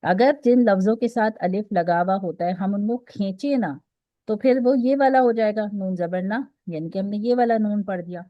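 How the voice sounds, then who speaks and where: A woman's voice: mid-range voice, normal speed, no echo, lo-fi sound. A woman with a Pakistani Urdu accent teaching an online Quran recitation class, explaining step by step and often checking that her students follow. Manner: patient, explains step by step with frequent "theek hai?" checks.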